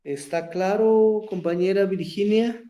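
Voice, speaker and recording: A man teaching a language class online, explaining slowly and often checking in with his students. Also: high-pitched, warm tone. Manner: slow, explanatory, asks "verdad?" often.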